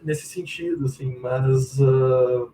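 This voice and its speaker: A game writer with a Brazilian accent chats casually as an interviewee, using slang, telling animated anecdotes, and quoting his own thoughts. His medium-pitched voice is steady, mellow, and slow, recorded on a distant mic with faint room noise.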